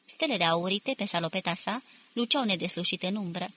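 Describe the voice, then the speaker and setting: Husky-voiced woman narrating an audiobook. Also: fairly low pitch, fairly bright tone. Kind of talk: scripted literary narration.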